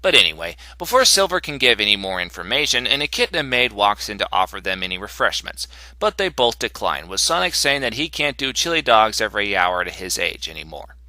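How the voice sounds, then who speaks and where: A man's voice: lowish voice, big pitch swings, brisk, few pauses, sharp tone, dry recording. A man doing a sarcastic comic review voice-over, snarky and exasperated, mocking the story as he goes.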